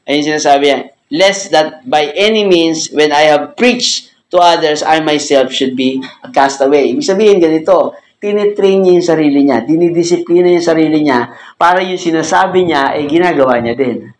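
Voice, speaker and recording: A man's voice: fairly high pitch, moderate pace. A man leading a cell group Bible lesson as a pastor, speaking conversationally, joking and laughing often and asking the group questions. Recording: echoey room with faint ambient noise.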